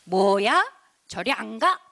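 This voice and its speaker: A woman's voice: on the high side, very animated, slow pace, gravelly, fairly bright tone, heavily acted. A woman voicing a grumpy, arrogant grown man in a children's story who snaps curtly at everyone. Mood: snappish. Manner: curt, snapping.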